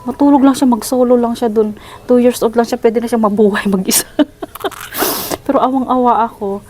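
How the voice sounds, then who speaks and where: A woman's voice: on the high side, steady tone, moderate pace, darkish tone, a little hiss or hum. A middle-aged Filipino woman vlogging from a hospital room, chatting in a sympathetic, conversational way and slipping English words into her speech. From Philippines. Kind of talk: casual storytelling vlog.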